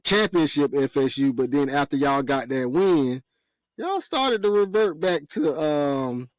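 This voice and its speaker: A man with a somewhat high voice joins the sports chat, halting and leaning on fillers. The sound is dry and close to the mic. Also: very animated, no room sound. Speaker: podcast co-host.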